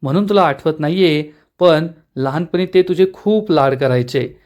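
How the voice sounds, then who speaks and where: Man reading as a gentle, self-sacrificing teacher mother. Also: on the high side, normal speed, natural voice. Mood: reassuring. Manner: soft, reassuring.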